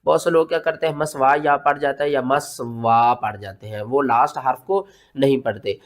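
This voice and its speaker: With a mid-range voice, a patient teacher breaks down Quran pronunciation, spelling each word letter by letter and slowly chanting the verses. He explains as he goes, posing his own questions and then answering them.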